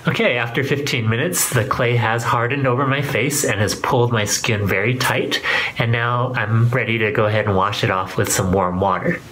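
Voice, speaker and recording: A man's voice: medium pitch, moderate pace, background noise. A man doing a casual product review with his hand over his mouth, chatting through the steps. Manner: chatty, explaining step by step.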